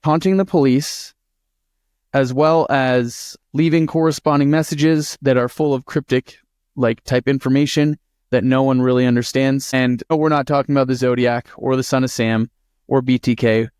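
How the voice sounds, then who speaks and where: A man co-hosting a podcast, telling a true-crime story in a casual, animated and profane way. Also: mid-range voice, normal speed, clear, resonant tone, no room sound, clean studio sound. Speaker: podcast co-host.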